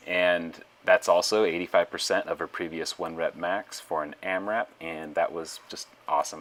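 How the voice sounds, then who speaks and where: A man speaking in a monotone voice-over, explaining a lifter's form as her strength coach. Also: low-pitched. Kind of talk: voiceover commentary.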